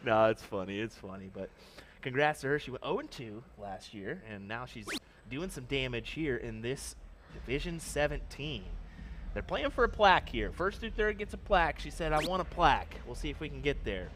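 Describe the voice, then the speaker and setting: A man co-commentating a darts match, telling lively stories and laughing along. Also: medium pitch, moderate pace, noisy background. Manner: lively storyteller, laughs a lot. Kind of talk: live sports commentary. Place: tournament hall.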